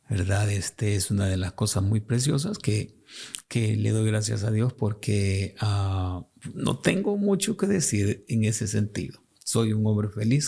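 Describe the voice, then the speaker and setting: A Salvadoran pastor with a Salvadoran Spanish accent talks slowly and with care on a radio interview. His voice has a gravelly rasp and a dark, mellow tone. He hesitates often and agrees with short murmurs. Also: fairly low pitch.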